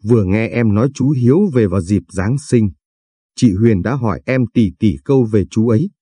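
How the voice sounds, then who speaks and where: Guy doing a cheeky teen boy teasing his big sis, playful, dark husky read, storybook. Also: lowish voice, moderate pace, no room sound, clean studio sound. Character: cheeky teenage boy, mischievous little brother.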